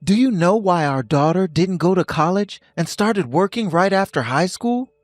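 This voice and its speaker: A man in his fifties voicing a stern husband who speaks calmly and coldly, lecturing his wife. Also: high voice, normal speed, dry recording, studio quality. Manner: calm, cold and lecturing. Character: stern husband ending a toxic marriage.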